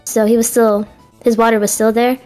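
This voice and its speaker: A woman's voice: on the high side, little pitch movement, a little fast, mellow, soft background music, rough recording. A young adult woman with a very youthful, girlish voice and a cute anime-streamer manner, casually telling confessional stories. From Colombia and the United States. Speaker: confession guest caller.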